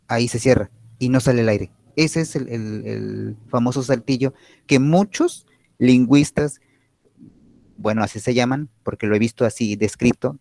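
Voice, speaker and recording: A man with a Mexican Spanish accent and Nahuatl as his first language speaks in a lowish voice, slow and didactic, checking in with his listeners over a video call. The sound is dry and close, with no room around him. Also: gravelly, darkish tone, dry recording. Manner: patient, didactic, many fillers and "¿sí?" checks. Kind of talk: explanatory talk at an online panel.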